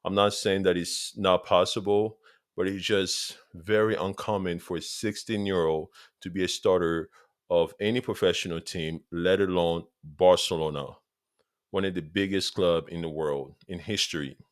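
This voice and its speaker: Talking football directly to his audience in a casual vlog, a man in his thirties from Congo shows plenty of eagerness and hammers points home by repeating them. He has a Congolese accent and a low, steady voice at normal speed. The sound is clean studio audio with no room sound.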